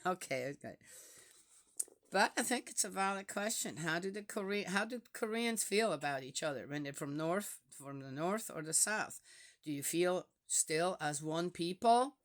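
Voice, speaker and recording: Woman, Swiss German accent, lower register, halting reflective talk full of fillers. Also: expressive. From Switzerland. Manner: hesitant, many fillers and restarts.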